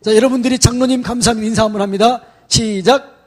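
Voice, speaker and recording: A middle-aged man, a senior pastor, gives a chatty, lively sermon to church staff and acts out greetings in quoted voices. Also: very high-pitched, fast talker. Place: church sanctuary.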